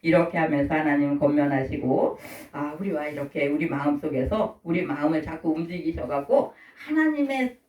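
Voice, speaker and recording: In a muffled recording made at a distance in an echoing room, a middle-aged female preacher delivers her sermon. She speaks a little fast in a low, expressive voice, posing questions to the audience and performing the voices of those she quotes.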